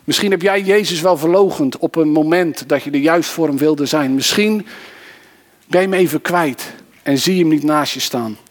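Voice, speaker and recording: A man preaching a sermon and speaking straight to his listeners in a personal way. His voice sits a little high for a man. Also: moderate pace. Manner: personal, direct address to listeners.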